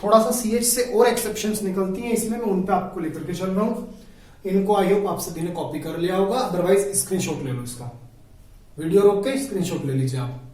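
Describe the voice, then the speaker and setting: Man, English grammar teacher, high voice, repeats points, very echoey room, far from mic. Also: a little fast, a little mellow. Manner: repetitive, asks and answers own questions, calls listeners "my brother". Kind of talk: classroom-style video lesson.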